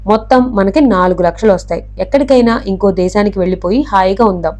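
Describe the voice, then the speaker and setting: A woman's voice: medium pitch, quick pace, a little mellow, lightly acted. Woman playing a seductive scheming woman. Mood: coaxing.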